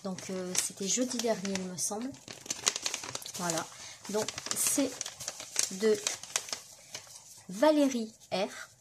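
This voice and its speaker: Middle-aged woman, casual crafting vlog, chatty, admiring, everyday pitch, faint background noise. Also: slow pace, long pauses. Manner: chatty, many fillers, admiring. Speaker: crafting YouTuber. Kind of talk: casual show-and-tell vlog.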